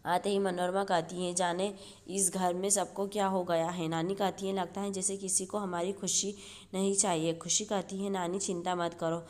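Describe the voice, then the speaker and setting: A woman reads a TV episode recap for her channel in a mellow, soft-edged voice. Her pitch stays flat and level. She reads the characters' lines in her own voice instead of acting them. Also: moderate pace. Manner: steady read-through, reads quoted dialogue in her own voice. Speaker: YouTube channel host. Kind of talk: reading a TV serial episode recap.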